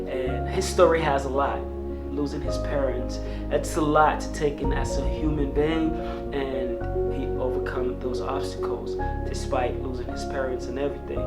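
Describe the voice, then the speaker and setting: A relaxed man hosting a casual sit-down interview. He talks in an easygoing, enthusiastic way with plenty of fillers. Loud music runs underneath his voice throughout. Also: medium pitch. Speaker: host. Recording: music playing behind.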